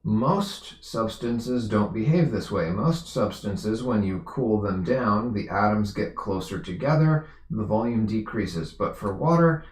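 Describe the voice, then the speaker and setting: A man's voice: on the low side, expressive, measured pace, hardly any pauses, roomy sound. A man tutoring physics on a live stream, explaining patiently, repeating himself and correcting his own slips as he goes.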